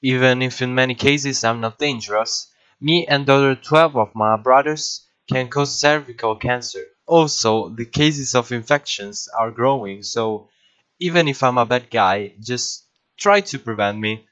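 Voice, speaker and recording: A man's voice: medium pitch, measured pace, a bit bright, muffled recording, natural voice. A man voicing a cheeky cartoon virus, a self-confessed bad guy, in scripted explanatory narration that addresses the listener directly. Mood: mock warning. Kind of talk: scripted first-person educational narration.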